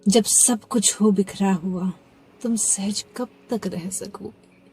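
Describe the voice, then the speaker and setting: A woman reciting devotional poetry with expressive delivery, her voice swelling and sinking to soft near-whispers on the refrains. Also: medium pitch, takes it slowly. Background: faint background music.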